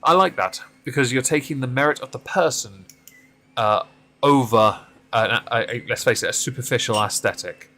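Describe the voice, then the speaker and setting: Speaking at normal speed in a bright, forceful tone, a deep-voiced man in his mid-thirties rambles through casual live-stream chat while playing a driving game, often self-deprecating.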